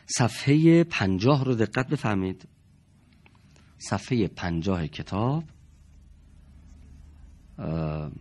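Husky-voiced male teacher. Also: lowish voice, darkish tone. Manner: patient, explains step by step, repeats key terms. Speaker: Quran reading teacher. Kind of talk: classroom lesson.

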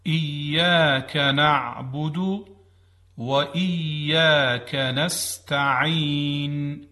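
A man reciting Quranic example words and phrases in a measured, chanted way for a pronunciation lesson. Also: a little high, fairly even intonation, bright, forceful tone.

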